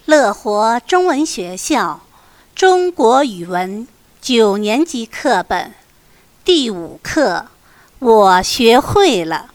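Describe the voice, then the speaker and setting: A woman reading a textbook lesson and its vocabulary list aloud with careful, expressive recitation. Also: fairly high pitch, takes it slowly, no room sound. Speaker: textbook reader.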